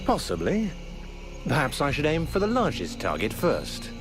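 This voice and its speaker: An actor playing a haughty, sarcastic elf archer in a video game, articulate and mocking. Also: male voice, a little high, huge pitch swings, moderate pace. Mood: mocking, menacing. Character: sardonic, haughty elf archer with taunting wit. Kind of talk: video game character acting. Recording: music behind the voice.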